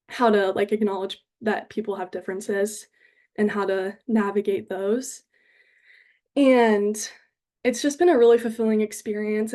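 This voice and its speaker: An American university student of around twenty from Denver, Colorado, gives a casual, upbeat, and earnest self-introduction. Her warm, mid-range voice carries conversational phrasing peppered with "like."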